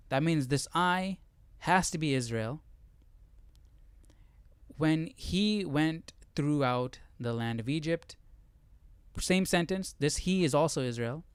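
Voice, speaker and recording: This Bible study livestream host has a slightly high, smooth voice on a dry recording. He leads a casual session, reading passages aloud and informally thinking through them step by step.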